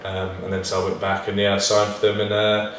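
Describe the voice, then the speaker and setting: This man, a football player, speaks briskly in a fairly low, fairly bright voice with a completely flat delivery. His casual interview answers are hesitant, understated and self-mocking. A distant mic picks him up in a very echoey indoor room with faint noise.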